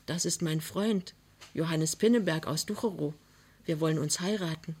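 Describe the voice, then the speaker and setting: Woman doing a cheerful young girl, bright, teasing, lighter than the narration. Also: deep voice, normal speed, husky. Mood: pleading. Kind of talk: dramatic novel reading.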